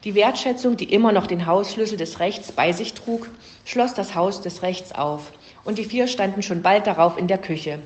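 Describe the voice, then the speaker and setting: A woman's voice: mid-range voice, moderate pace, darkish tone, slight background noise. Woman reading a fable in an echoey room. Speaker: reader. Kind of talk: storybook narration. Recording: roomy echo.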